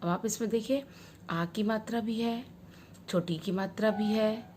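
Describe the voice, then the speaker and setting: A woman primary school teacher teaching a Hindi vowel-sign lesson, reading words one at a time slowly and carefully for children. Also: mid-range voice, darkish tone, a little hiss or hum.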